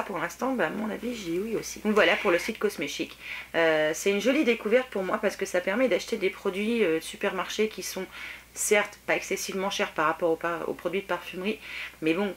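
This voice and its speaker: A French woman vlogging a casual makeup review, chatty and hesitant with many fillers, eager about the products. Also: fairly low pitch. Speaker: beauty vlogger.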